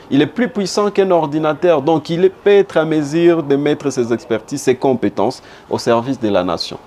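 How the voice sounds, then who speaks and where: Slightly high and a little mellow, this man's voice belongs to a politician from DR Congo who once did humanitarian work. Speaking with a Congolese accent in a broadcast interview, he's emphatic and repeats phrases rhetorically, while background noise and room ambience fill the recording.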